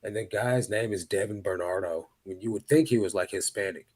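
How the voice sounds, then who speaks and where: A low-pitched man co-hosts a podcast in easy casual chat. He tells stories with energy and jumps into the voices of the people he quotes. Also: brisk, husky. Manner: animated storyteller, acts out quotes. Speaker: podcast co-host.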